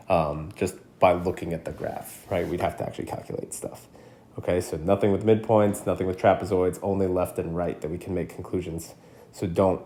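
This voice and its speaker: A man teaching calculus in a casual screencast lesson, thinking out loud and checking in with his students, coughing now and then. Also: on the low side. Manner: casual, thinks aloud with frequent "right?". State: coughing repeatedly. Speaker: math teacher. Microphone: screencast recording mic.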